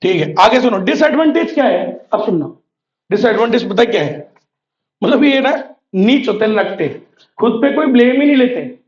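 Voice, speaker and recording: A man's voice: extremely high pitch, very animated, moderate pace. A man teaching an exam revision lecture who asks his students questions and answers them himself, in a chatty teacherly way. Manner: conversational teacher, mixing in memorisation drills. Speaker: commerce exam tutor. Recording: roomy, slightly dull lecture recording.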